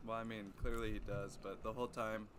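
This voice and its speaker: A man's voice: fairly low pitch, level tone, a little fast, background noise. A young man in casual chat, laid-back and a little nervous, with dry jokes. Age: young adult. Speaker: vlogger's partner. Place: outdoors in sunlight.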